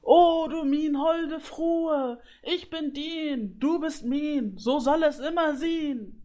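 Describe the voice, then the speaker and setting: A woman's voice: medium pitch, fairly even intonation, normal speed, a little mellow, natural voice. A woman voicing a pompous male griffin who fancies himself a count, speaking grandly and singing off-key.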